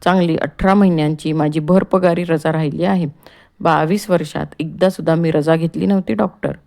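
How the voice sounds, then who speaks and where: A restless, ailing old householder grumbles about being stuck in bed, as a woman reads his part in an audiobook play. The voice is low, gravelly and dark. He sounds fretful and complaining. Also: steady tone, normal speed. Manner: complaining, agitated.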